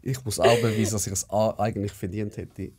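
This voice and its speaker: A man's voice: fairly low pitch, level tone, fairly quick, darkish tone, slightly rough. A young man with a Swiss German accent, a psychiatric nurse hosting a podcast, talking bluntly and casually and swearing now and then. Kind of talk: casual chat.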